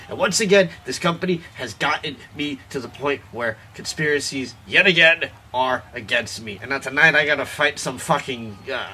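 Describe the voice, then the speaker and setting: A man's voice: medium pitch, bright, forceful tone, a little hiss or hum. A man playing an angry, boastful pro wrestler cutting a profane, ranting promo after a few drinks. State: has been drinking.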